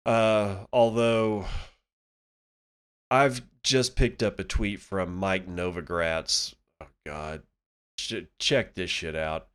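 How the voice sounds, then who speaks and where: A man's voice: low voice, steady tone, slow, fairly bright tone, clear, resonant tone. A man hosting a podcast solo, talking casually in a blunt, irreverent, sweary way. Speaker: podcast host.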